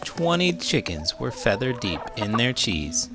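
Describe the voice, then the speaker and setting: A man who reads to children and teaches reads a picture book aloud in an animated, measured way, his voice swooping dramatically up and down. His pitch and volume swing widely, and music plays steadily in the background.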